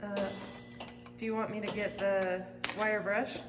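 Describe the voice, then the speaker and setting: A woman talks casually as a vlog host, chatty and informal as she thinks out loud. Her voice echoes through a large workshop with long reverb, and clear background noise sits behind her. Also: medium pitch, level tone, a little slow. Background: loud ambient noise.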